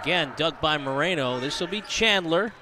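High-voiced man calling live volleyball. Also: animated. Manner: brisk, rises to shouts on big plays. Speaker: play-by-play commentator. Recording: noisy arena broadcast feed. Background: gym ambience and ball bounces.

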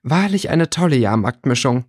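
A man's voice: medium pitch, expressive, normal speed, a little mellow, husky, dry recording, clean studio sound. A man reading an audiobook, voicing a smug, cruel middle-aged stepmother with a sneering, honeyed manner. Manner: sneering, self-assured, honeyed.

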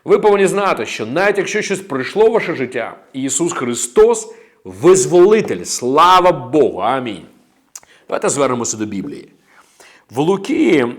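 A man preaching a sermon as a pastor, emphatic and declaring, breaking in with amens and praises. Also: mid-range voice.

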